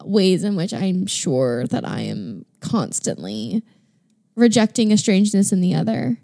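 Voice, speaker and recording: A woman's voice: lowish voice, very animated, unhurried, creaky, warm tone. A woman co-hosting a casual talk show, reflecting thoughtfully and often saying "like". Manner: thoughtful, reflective, says "like" a lot. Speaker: podcast co-host. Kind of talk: casual conversation.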